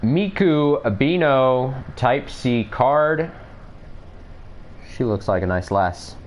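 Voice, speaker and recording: A man's voice: medium pitch, animated, slow. A man giving casual video game commentary, rambling, sweary and thinking aloud as he plays. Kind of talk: casual let's play commentary. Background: music.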